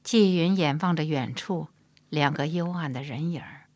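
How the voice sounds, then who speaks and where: A woman narrates a historical novel in a measured, soft-spoken way. Her voice sits low and husky, and she takes her time. The recording is close and dry. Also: no room sound. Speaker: audiobook narrator.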